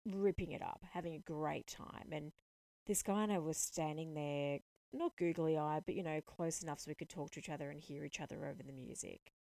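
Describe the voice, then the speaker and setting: Low gravelly woman telling a story. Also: a little fast, no echo. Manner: animated, indignant retelling with quoted dialogue. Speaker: podcast host. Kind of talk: storytelling monologue.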